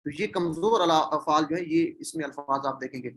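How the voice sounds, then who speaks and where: A man with a bit bright voice, a little higher than most men's, teaches an online Quran class. He repeatedly asks the students questions and repeats key words so they stick.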